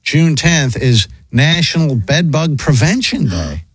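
Lively, higher-pitched male morning radio host. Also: slow, slightly rough, no echo, studio quality. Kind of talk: casual morning radio banter.

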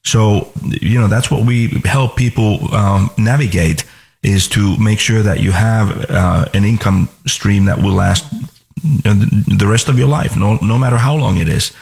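A man's voice: on the low side, a little slow, gravelly, a little mellow. A middle-aged man from Finland, a financial advisor hosting a radio show, talking casually with many fillers and repeated words.

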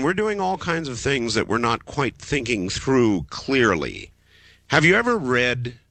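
A man hosting a late-night call-in radio show, with a smooth, calm radio host delivery that slows down to stress repeated phrases. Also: lowish voice, dry recording. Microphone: studio broadcast microphone.

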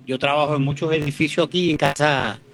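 A handyman being interviewed on a live radio remote. He speaks plainly and modestly, pausing and restarting as he explains his work. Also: a little high, steady tone, fairly bright tone. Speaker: listener, handyman.

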